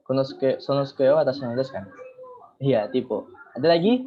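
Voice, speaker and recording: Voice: mid-range voice, brisk. A Japanese language teacher leading an online class, explaining grammar step by step with many fillers and prompting students with questions. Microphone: video call microphone. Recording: muffled lo-fi video call audio.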